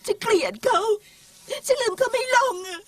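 An actress dubbing a fragile, heartbroken young woman in an older film melodrama, speaking softly and gently. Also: very high-pitched, very animated, normal speed, heavily acted. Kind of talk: Thai dub of a 1960s film melodrama. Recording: distant voice over film score.

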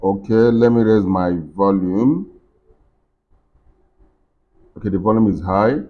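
Seated at his desk indoors, a middle-aged tech tutorial host with a deep, low voice guides viewers through a screen-recorded software walkthrough. He takes it step by step, frequently pausing on fillers and restarting sentences. A computer mic captures him, and the audio comes out slightly dull and lo-fi.

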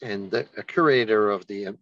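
A man giving a rabbi's holiday message, telling a story in an unhurried way and lifting his voice for the people he quotes. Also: fairly low pitch, no room sound, lo-fi sound. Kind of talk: sermon with storytelling.

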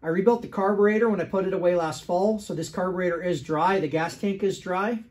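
Young male shop owner, higher pitch, casual matter-of-fact walkaround, handheld phone, indoor workshop. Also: fairly quick, a little mellow. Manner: plain, matter-of-fact listing of details with fillers. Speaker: restoration shop owner selling a motorcycle.

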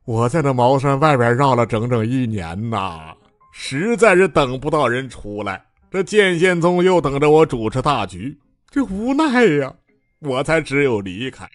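A man's voice: lowish voice, big pitch swings, unhurried, dry recording, studio quality, soft background music. A man doing a pompous, cowardly sect master. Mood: self-pitying. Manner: swings from smug murmur to panicked squeals. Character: pompous chubby male sword sect master, cowardly and whiny. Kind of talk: audiobook character voice.

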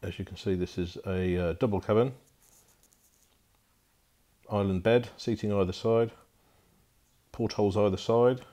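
A man's voice: on the low side, fairly even intonation, unhurried, pauses often, mellow. A man giving a casual walkthrough tour of a barge interior as a boat broker, talking off the cuff with frequent fillers, recorded on a handheld phone inside wooden cabins.

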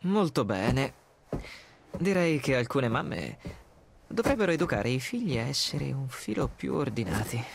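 A man's voice: medium pitch, sing-song, measured pace, vocal fry, a little hiss or hum. An actor dubbing a wry, joking young male survivor in a horror video game. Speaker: game character Dylan. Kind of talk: Italian game dub.

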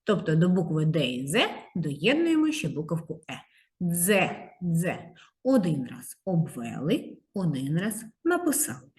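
A woman teaching a handwriting lesson to young children, slow and sing-song, drawing out the sounds of letters. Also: on the low side, sing-song, darkish tone. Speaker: primary school teacher.

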